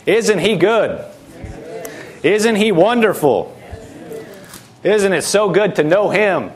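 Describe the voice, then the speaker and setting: High-voiced fervent male preacher. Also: animated, slow. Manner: fervent, repetitive preaching with frequent hallelujahs. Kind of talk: sermon.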